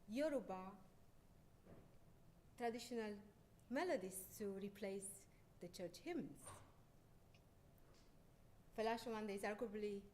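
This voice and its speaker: A middle-aged woman from Romania, a concert pianist, giving a lecture with frequent fillers and restarts. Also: mellow. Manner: hesitant, many fillers and restarts. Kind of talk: lecture presentation. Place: lecture hall. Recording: faint background noise and rumble.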